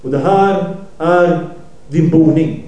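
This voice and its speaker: A man's voice: fairly high pitch, mellow, roomy sound, poor audio. Man som berättar en predikan med hög röst. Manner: translating and retelling as he goes, self-correcting. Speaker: preacher. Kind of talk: sermon retelling a hadith.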